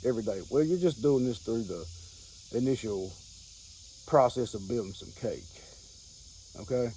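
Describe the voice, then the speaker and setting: Mellow Southern American man, folksy and rambling. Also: medium pitch, expressive, unhurried, rough recording. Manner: folksy, rambling, repeats phrases. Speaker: pipe-smoking hobbyist video host. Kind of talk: casual unscripted vlog talk. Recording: outdoor recording with clear insect noise.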